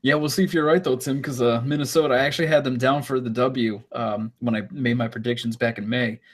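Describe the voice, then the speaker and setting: A man hosting a casual sports podcast, asking relaxed, rambling questions about the week's games. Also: medium pitch, brisk. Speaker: sports talk host.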